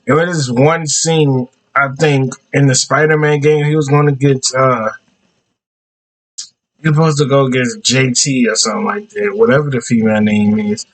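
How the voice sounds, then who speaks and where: A man reacting casually, rambling with excited asides. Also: mid-range voice, normal speed, poor audio.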